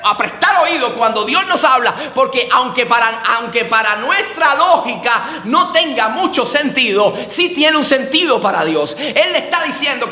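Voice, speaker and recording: High, bright-voiced male pastor preaching. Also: roomy sound. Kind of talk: sermon. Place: church sanctuary.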